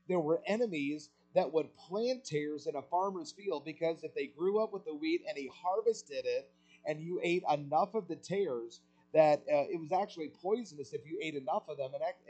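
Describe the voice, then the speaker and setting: A man preaching a sermon with passion, asking rhetorical questions and swelling louder on key points. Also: fairly high pitch, low-quality recording.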